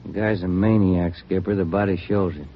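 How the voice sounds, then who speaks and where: An actor playing a detective partner who talks in a quick, casual way, on a muffled vintage radio broadcast. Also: male voice, sits low, fairly even intonation. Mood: brisk. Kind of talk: 1950s radio drama acting.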